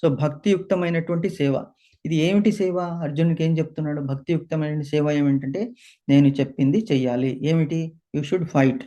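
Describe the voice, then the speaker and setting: A man's voice: on the high side, steady tone, moderate pace, mellow. A man giving a scripture discourse as a spiritual teacher, asking and answering his own questions and slipping English phrases into his talk.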